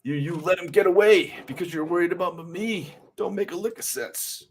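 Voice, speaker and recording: A man's voice: sits high, normal speed, breathy edge, pitched above the performer's own voice. Man putting on a swaggering frontier gunslinger. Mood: mocking. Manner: folksy, swaggering.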